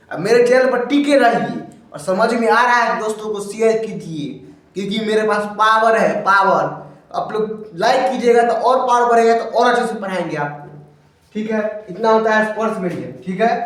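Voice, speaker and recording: A man's voice: high-pitched, far from the mic. A young man teaching grammar in a casual, chatty lesson, repeating questions to his students. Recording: echoey room, voice from off-mic.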